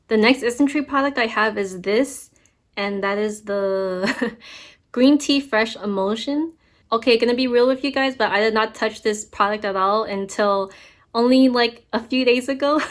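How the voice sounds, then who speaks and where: A young woman talks through her skincare products in a relaxed, candid vlog. She chats freely, with fillers and light asides, at a middle pitch close to the camera mic. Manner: chatty, candid, frequent fillers and laughs. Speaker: beauty vlogger. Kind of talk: casual product review.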